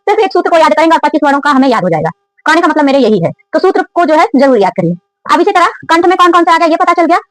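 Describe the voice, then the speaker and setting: High-voiced woman teaching grammar. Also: fairly bright tone, no room sound, rough recording. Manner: asks questions and answers them herself; slowly chants the rules. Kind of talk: classroom-style grammar lesson.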